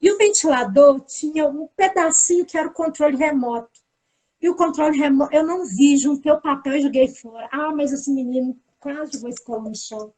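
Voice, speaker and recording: A woman teacher, casually telling a lively anecdote about a school day and acting out what people said. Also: sits high, brisk. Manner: lively storytelling, acting out the dialogue. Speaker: teacher and pedagogical coordinator.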